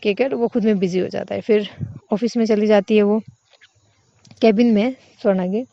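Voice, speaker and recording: A woman's voice: mid-range voice, fairly even intonation, moderate pace, vocal fry, dry recording. A woman narrating a romance story casually, linking scenes with conversational fillers, in a dull, dry lo-fi recording. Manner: conversational, with filler links and restarts.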